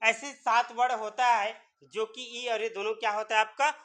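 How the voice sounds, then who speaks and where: A man's very high, pushed and bright voice shows little pitch movement and keeps a normal speed. He is teaching English spelling and pronunciation classroom-style, spelling words aloud letter by letter while repeating rhetorical questions and answering them himself.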